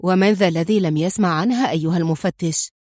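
A woman reading a calm, sarcastic male businessman under questioning, in an audiobook. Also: high voice, fairly quick, no echo, clean studio sound, lightly acted. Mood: calm mocking. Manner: calm, mocking.

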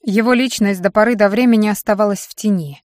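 A woman's voice: mid-range voice, fast talker, a little mellow, dry recording, lightly acted. A woman voicing a brash, wary young man who talks in an offhand, mumbling drawl, in an audiobook read in a dry room. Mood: musing.

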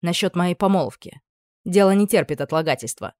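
A reader voicing a haughty young nobleman who speaks loudly with tense urgency and cold contempt. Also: mid-range voice, animated, brisk, dry recording, close to an everyday voice.

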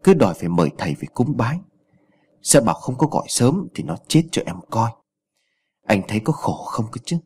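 A man voicing a troubled village neighbor who complains wearily about his household, in a husky voice. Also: mid-range voice, very animated, fairly quick, a little mellow. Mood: weary. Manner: weary, complaining.

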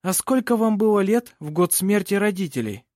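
A commanding male lawyer who holds forth to the court in a raised, declaiming voice, voiced by the reader. His pitch swings boldly over a dry, close sound. The medium is an audiobook. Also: animated, moderate pace, darkish tone, no room sound. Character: forceful male lawyer, bold courtroom orator.

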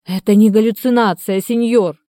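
A woman's voice: medium pitch, measured pace, mellow, dry recording, studio quality, natural voice. A woman voicing a desperate man who pleads in a raised, urgent voice. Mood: pleading.

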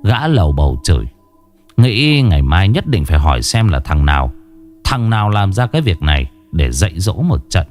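A man narrating a horror story in an expressive storytelling voice. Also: deep voice, moderate pace, faint music behind.

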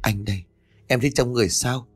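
A man's voice: medium pitch, fairly even intonation, quick pace, breathy edge, no echo, faint music behind, lightly acted. A man voicing a selfish young husband who talks in a dismissive, evasive way. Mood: concerned.

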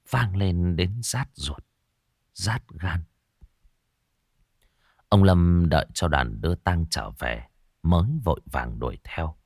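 A man telling a ghost story in a slow, dramatic way, his low voice rising and falling with lively swings. He drops to a hush at tense moments, and the recording is dry and close. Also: dry recording.

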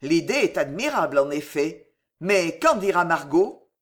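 A woman voicing an impulsive, excitable young king in an audiobook, in a lowered voice full of boyish enthusiasm. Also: measured pace. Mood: excited. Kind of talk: audiobook character reading.

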